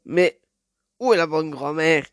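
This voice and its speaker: A woman voicing a grown male hunter in a storybook tale, speaking low and forcefully. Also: unhurried, dry recording, clean studio sound. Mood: gruff. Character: gruff village hunter, grown man, bold.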